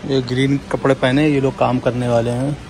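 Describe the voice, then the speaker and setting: An Indian vlogger, a young man, walks viewers through a large indoor supermarket on a handheld phone, chatting casually and repeatedly calling them "friends." His mid-range voice is flat, brisk and a little mellow, on a rough recording with slight background noise.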